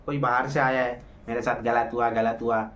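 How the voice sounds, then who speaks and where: A man's voice: medium pitch, level tone, moderate pace, a bit bright, muffled recording. A man giving a casual spoken review of a reality show episode. He talks animatedly, asks rhetorical questions, keeps saying "ठीक है", and raises his voice to act out quoted lines.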